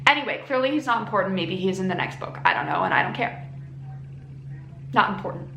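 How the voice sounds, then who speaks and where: A woman telling a story as a book reviewer in a casual, rambling, slightly tipsy way, animated and acting out reactions with exaggerated emphasis. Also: mid-range voice, quick pace, vocal fry. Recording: roomy echo with background noise.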